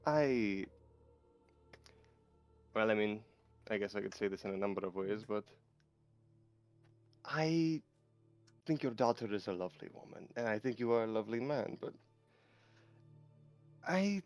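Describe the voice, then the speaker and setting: A young illusion mage , played by a man at a tabletop game, talks in a lowish voice. He is earnest and wordy, nervous yet defiant. Faint music runs behind him. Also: expressive, measured pace, long pauses, a little mellow.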